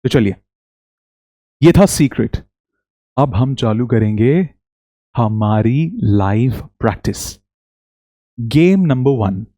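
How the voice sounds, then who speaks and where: A man teaching English pronunciation in Hindi, leading slow repeat-after-me drills and praising often. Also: mid-range voice, animated, mellow, dry recording, studio quality. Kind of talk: spoken English lesson in Hindi.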